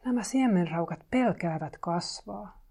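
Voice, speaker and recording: A patient, wise little storybook frog who talks in an even, gentle way, as a woman reads its lines. Its voice stays close to the reader's own, lowish and unhurried. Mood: advising. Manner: calm, gently advising. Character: calm wise frog or toad, patient gardener.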